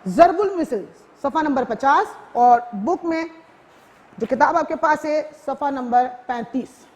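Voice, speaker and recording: High-voiced Urdu teacher explaining slowly. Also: female voice, lively intonation, darkish tone. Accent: Pakistani Urdu. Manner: slow, explanatory, spells out words one by one. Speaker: school teacher. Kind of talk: recorded classroom lesson.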